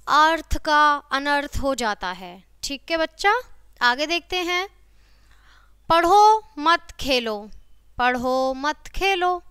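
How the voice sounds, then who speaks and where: A young woman teaches a grammar lesson to children in a high, bright voice. She checks in with her students again and again, repeating key words slowly. The sound is close and dry. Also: dry recording. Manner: repeats phrases, frequent check-ins with students.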